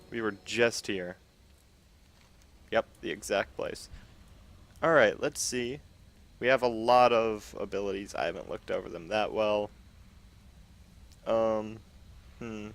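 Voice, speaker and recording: A man casually commenting on his gameplay, thinking aloud in a relaxed way as he goes. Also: on the low side, slow, pauses often. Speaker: gameplay video host.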